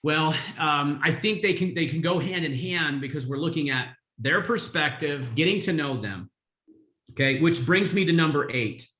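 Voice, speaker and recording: A man's voice: a little high, bright, forceful tone, echoey room. A man coaching real estate agents on a video call, telling stories energetically with frequent laughs. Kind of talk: live coaching session.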